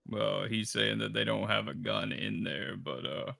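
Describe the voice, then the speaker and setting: A man's voice: on the low side, fairly even intonation, measured pace, creaky, pushed and bright, no echo. A man playing in a tabletop game, chatting casually, rambling and stammering. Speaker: player.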